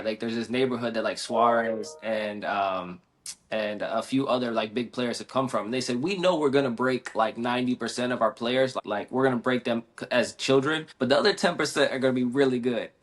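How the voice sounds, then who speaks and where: A man's voice: mid-range voice, brisk. A man hosting a podcast interview, friendly and chatty, leaning on casual fillers. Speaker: podcast host.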